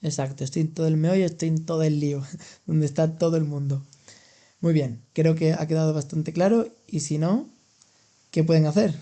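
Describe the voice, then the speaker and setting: A young man's warm, rather high voice moves at a moderate pace as he hosts a casual language-learning podcast. The Andalusian language teacher patiently explains expressions with examples in this relaxed educational chat.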